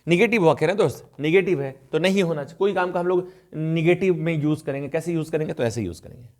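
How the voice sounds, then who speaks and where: A man teaching an online grammar lesson in a conversational way, reading example sentences slowly and deliberately. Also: fairly high pitch, darkish tone. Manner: conversational, addresses viewers as friends. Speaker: English teacher.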